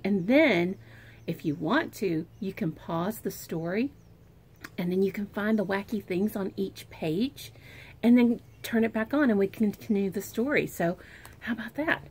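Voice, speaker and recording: A woman, a preschool teacher, reads a picture book aloud to young children. She is animated and expressive, with a mid-range voice and hushed asides. The sound comes from a phone camera. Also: mid-range voice, measured pace, breathy edge.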